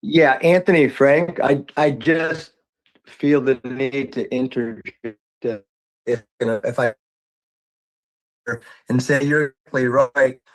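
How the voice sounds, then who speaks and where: A man's voice: mid-range voice, fairly even intonation, slow pace, pauses often, poor audio. A man speaking in a remote court hearing as a small business owner, his audio breaking up on the video call. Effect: video call audio cutting out.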